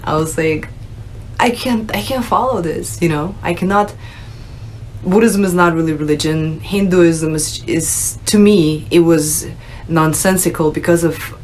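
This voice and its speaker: A woman's voice: fairly low pitch, slight background noise, poor audio. A young woman from Russia speaking unscripted to her viewers about her own path, casual and conversational with many fillers. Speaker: vlogger sharing her conversion story. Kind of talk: unscripted personal talk to camera.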